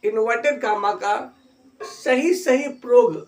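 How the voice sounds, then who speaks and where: Male teacher, really high voice, cheering students on, slows way down on examples. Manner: exhorting, draws out example phrases slowly. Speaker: English teacher. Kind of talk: encouraging grammar lesson.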